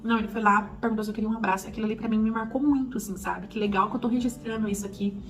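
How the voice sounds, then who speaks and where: A woman speaks to the camera in a casual, confiding way, pitched in the middle range. She sounds heartfelt and keeps turning to her viewers directly. Faint music plays underneath her voice. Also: steady tone, rapid-fire, low-quality recording. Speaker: parenting vlogger.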